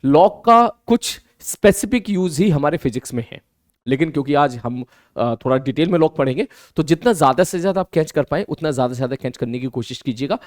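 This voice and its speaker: A male teacher giving an online maths lesson in a lively way, slowing down to spell out terms and answering his own questions in his students' voices. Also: a little high, no echo, studio quality.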